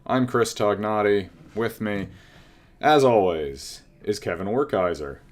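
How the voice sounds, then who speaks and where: A man's voice: lowish voice, unhurried. Dry, sarcastic man co-hosting a podcast. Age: late 30s. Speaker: podcast co-host. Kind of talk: casual chat.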